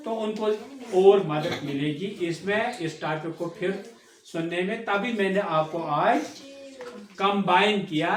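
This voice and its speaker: A male science teacher lectures a class, repeating key words and prompting students to say them back. He is recorded from across an echoey room, his voice distant and reverberant. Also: sits high.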